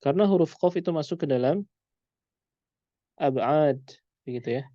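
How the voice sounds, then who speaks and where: A man teaching Quran recitation in an online lesson, patiently repeating example sounds slowly. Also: on the high side, warm tone, dry recording, highs cut off.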